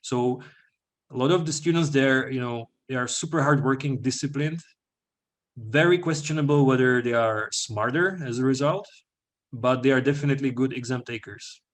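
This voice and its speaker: A young man talks an audience through a slide presentation in a middle-pitched voice. He explains patiently, peppering his talk with fillers and asking "all right?" to check that everyone follows. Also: normal speed.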